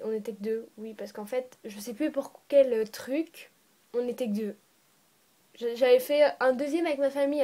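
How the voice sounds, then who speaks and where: A woman's voice: on the high side, mellow. A woman casually telling a personal story to her viewers, rambling and often correcting herself as she goes. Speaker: storytime vlogger. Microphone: phone or tablet voice recording.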